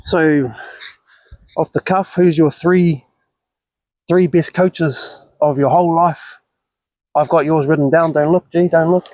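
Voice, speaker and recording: A man with a broad Kiwi accent and a fairly high voice hosts a casual chat. He is slangy and chimes in often, with a close, dry sound. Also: fairly even intonation, takes it slowly, long pauses, darkish tone, dry recording. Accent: broad New Zealand. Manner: slangy, interjecting and prompting. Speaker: host, interviewer.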